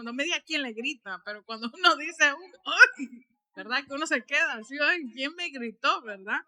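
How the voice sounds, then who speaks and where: A woman pastor preaches a sermon in church with a high, bright, animated voice. She swings from shouts to soft asides and keeps tossing tag questions to the congregation.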